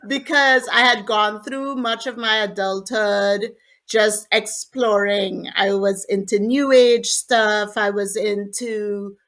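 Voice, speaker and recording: A woman's voice: mid-range voice, steady tone, slow, a bit bright. A woman from Trinidad, a podcast guest, earnestly telling her personal faith story in an interview.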